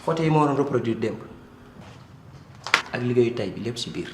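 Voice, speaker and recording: An actor playing a man at work in a TV series, speaking in a brisk, matter-of-fact way. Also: mid-range voice, animated, background noise, close to an everyday voice. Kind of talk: TV series dialogue. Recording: roomy echo.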